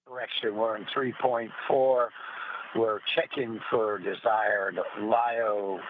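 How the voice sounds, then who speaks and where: Slow-talking man on a sci-fi communicator radio. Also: fairly low pitch, fairly even intonation. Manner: unhurried, matter-of-fact status reports. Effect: narrowband radio comm loop, like a sci-fi communicator. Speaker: spacecraft crew commander. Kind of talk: procedural space-to-ground radio talk. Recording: tinny noisy radio transmission.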